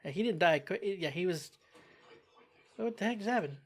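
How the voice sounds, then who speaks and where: Casual TV reaction host, expressive, exclaims and sighs a lot, mid-pitched voice. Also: moderate pace.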